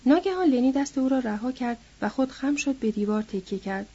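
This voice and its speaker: A woman reading a novel aloud in a steady storytelling manner, on a dull lo-fi recording. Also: high voice, breathy edge. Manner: steady storytelling, lifting her voice for quoted characters.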